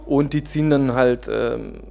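Man, from Germany, guest author, hesitant, mid-pitched voice, casual interview. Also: measured pace, vocal fry, warm tone. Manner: hesitant, many fillers and restarts.

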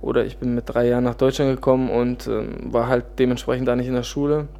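A man from Germany, a guest author, talks in a casual, unhurried way. He pauses often, restarts sentences and fills gaps while searching for words. His voice sits at an ordinary middle pitch. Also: level tone, creaky, dark tone. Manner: hesitant, many fillers and restarts. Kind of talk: casual interview talk.

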